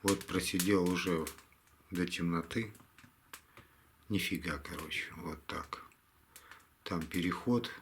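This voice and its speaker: A tired man talking casually to camera in a halting, resigned way, like a hunting vlogger winding down his day. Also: low-pitched, steady tone, a bit bright, slight background noise. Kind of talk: casual vlog monologue to camera.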